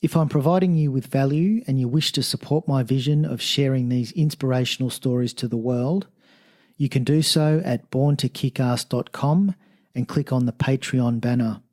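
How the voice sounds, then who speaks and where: A man's voice: mid-range voice, moderate pace, darkish tone. A man hosting a podcast, reading a support message and asking hesitant, rephrased questions. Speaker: podcast host. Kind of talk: podcast host read and interviewing.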